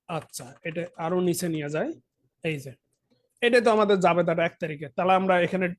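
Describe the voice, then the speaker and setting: A young man with a Bangladeshi Bengali accent teaches an accounting class over a screen recording. His voice sits high for a man, and he keeps asking his students if they understand. He writes on a tablet as he explains. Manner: talks directly to students, asks frequent check questions. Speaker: accounting tutor. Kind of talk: online lesson, explaining while writing on a tablet.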